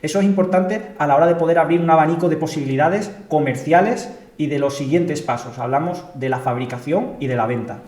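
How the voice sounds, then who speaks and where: A man mentoring startups, narrating a case study in a measured, explanatory way. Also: fairly high pitch, darkish tone. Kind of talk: scripted narration. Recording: echoey room.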